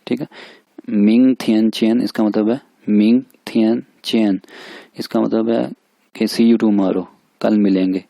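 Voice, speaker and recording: Slow, repetitive male teacher. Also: lowish voice, level tone, vocal fry, mellow, no room sound. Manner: slow drilled repetition of words. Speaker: language teacher. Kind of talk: recorded lecture over slides.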